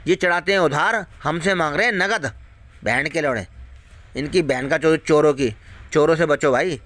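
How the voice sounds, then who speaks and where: Man, fairly high voice, angry rant, swearing, repetitive, rhetorical questions. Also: moderate pace, fairly bright tone. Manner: heated, repetitive, heavily profane; hammers home points with rhetorical questions. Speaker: video host warning viewers. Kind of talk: angry ranting monologue to viewers.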